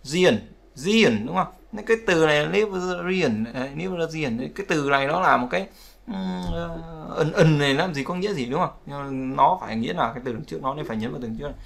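A man's voice: on the high side, quick pace, vocal fry, fairly bright tone. A man teaching English word stress, talking in a repetitive, conversational way and often checking with his students. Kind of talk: explaining word stress in a lesson.

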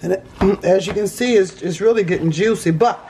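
A woman's voice: mid-range voice, brisk, dark tone, slight background noise. A woman with a New Orleans accent, casually walking through a home recipe in a kitchen, easygoing and folksy. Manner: easygoing, folksy, repeats herself. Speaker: home cook teaching a recipe. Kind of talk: casual cooking demonstration.

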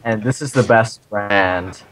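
A man with a lowish voice chats during an online drawing game. He has a dry, mock-formal way of speaking. He is picked up by a built-in laptop microphone. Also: slow, fairly bright tone, low-quality recording. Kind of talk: casual chat while playing an online drawing game.

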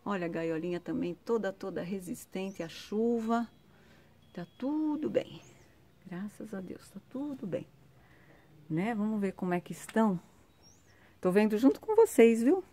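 A woman's voice: medium pitch, expressive, measured pace, long pauses, dark tone. A woman giving a chatty, casual vlog tour of her sunny home garden, pointing things out to viewers, recorded outdoors on a handheld phone.

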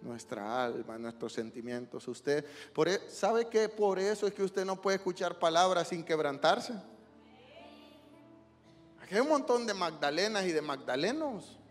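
Male pastor, high voice, passionate sermon delivery, reverberant church hall, faint music underneath. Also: lively intonation, a little slow. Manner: emotional preaching, swinging from soft to shouting. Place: church sanctuary.

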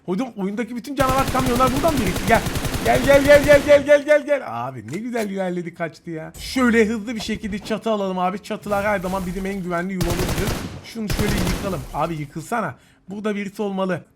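A man rattles off quick, high-pitched commentary on his gameplay, taunting opponents and chatting with his viewers. Game gunfire and clicks crackle loudly behind his voice. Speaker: gaming YouTuber.

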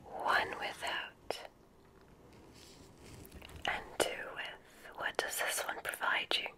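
In a whispered ASMR roleplay, the performer plays a kind witch examiner, speaking softly, soothingly and deliberately, with gentle approval.

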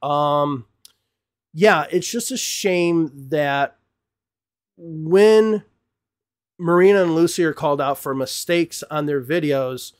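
This middle-aged host, an English teacher and native English speaker, has a higher-pitched yet clear, resonant voice and talks slowly with long pauses. He rants emphatically to camera, repeating words and gesturing broadly, from a small bookshelf-lined home studio with a podcast mic close on his desk.

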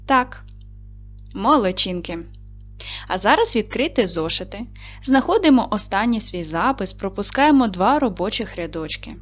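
A woman teacher leads a recorded lesson for young schoolchildren. She speaks clearly and patiently, with an encouraging warmth toward the class. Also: mid-range voice, big pitch swings, normal speed. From Ukraine. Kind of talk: video lesson for second graders.

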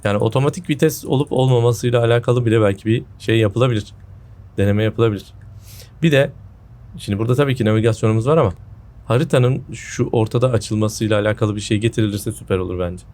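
A man's voice: on the low side, fast, a little mellow. A man gives casual gameplay commentary indoors on a headset mic, his voice a little off from a sore throat. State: sick with a sore throat, voice a bit off. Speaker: gaming video host. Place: indoor room at home.

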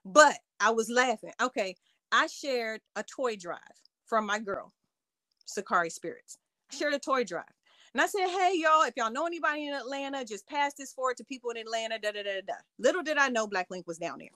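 A woman's voice: on the high side, animated, brisk, pushed and bright, no room sound. A middle-aged woman hosting a casual livestream, playfully teasing and talking straight to her viewers. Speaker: livestream host.

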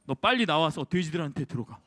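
A man voicing Jesus as a calm, commanding adult man, giving firm, stern orders. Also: on the high side, fast talker, voice pushed down.

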